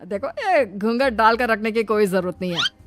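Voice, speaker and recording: A woman's voice: fairly high pitch, big pitch swings, moderate pace, background noise. A woman voicing a fussy, scolding older father-in-law in a cartoon story. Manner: scolding, bossy. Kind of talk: cartoon voice acting.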